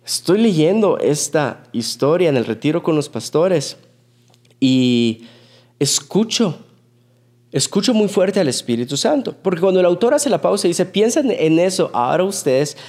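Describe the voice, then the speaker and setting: A man, preaching a sermon in earnest storytelling that sinks to a hushed, low voice at emotional moments. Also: very animated, a little slow. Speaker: pastor.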